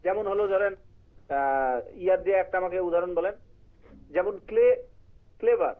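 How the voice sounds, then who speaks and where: A man's voice: sits high, lively intonation, moderate pace. A man teaching an English writing class online, explaining grammar and quizzing his students while mixing in English terms. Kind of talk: live online class lecture. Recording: tinny phone-like line.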